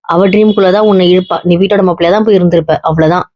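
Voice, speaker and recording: A woman's voice: on the low side, steady tone, rapid-fire, dry recording, lightly acted. A young woman acting as a blunt married woman who lectures and comforts her heartbroken cousin, always asking if he understands. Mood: blunt teasing. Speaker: actor in a web drama. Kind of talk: web series drama acting. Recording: dull, muffled dry audio.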